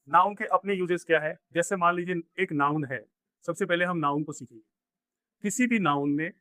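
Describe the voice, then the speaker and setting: This man teaches grammar in Hindi as an English teacher, walking through the material step by step and answering questions he poses himself. His voice is a little high with a sharp tone, and there is no echo.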